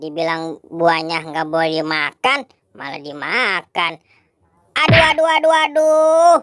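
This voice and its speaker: A woman doing Boboiboy, a fussy, lively cartoon boy. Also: fairly high pitch, unhurried, no echo, clean studio sound. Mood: scolding. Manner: scolding, fussy, exclaiming. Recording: loud music underneath.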